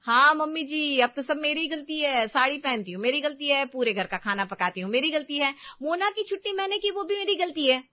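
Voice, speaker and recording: A woman's voice: mid-range voice, a little fast, no echo, close to an everyday voice. A woman voicing a grumbling, sarcastic young daughter-in-law, recorded dull and dry. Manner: sarcastic, complaining.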